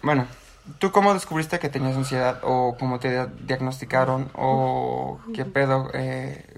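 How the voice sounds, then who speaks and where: Young man, gravelly voice, podcast interviewer, keeps rephrasing questions. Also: mid-range voice, steady tone, moderate pace, slight background noise. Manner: asks follow-up questions, rephrases. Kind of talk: casual interview chat.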